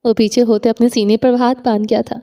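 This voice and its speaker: A woman narrating a romance novel audiobook with steady, dramatic storytelling. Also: on the high side.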